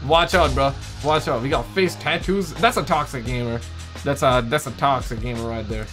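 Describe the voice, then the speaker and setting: A young adult man hosts a reaction video from a home room with a green screen, giving casual, slangy, exclamatory commentary and often repeating phrases. His voice is medium-pitched and fairly bright at normal speed, with music in the background.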